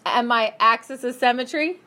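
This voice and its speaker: Brisk woman teaching a math class. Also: fairly high pitch, pushed and bright. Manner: brisk, upbeat, questioning students. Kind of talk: classroom lesson.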